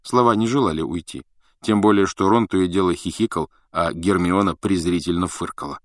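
A man reading a story aloud as an audiobook narrator, in an even, measured storytelling way. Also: low-pitched, dry recording, clean studio sound. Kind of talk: scripted narration.

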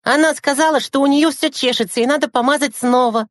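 A woman reading a storybook and voicing young schoolboys, whiny and excitable. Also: sits high, fairly quick, no echo, clean studio sound, voice pushed up, close to an everyday voice. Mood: sulky. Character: young schoolboy brothers, eager and sulky.

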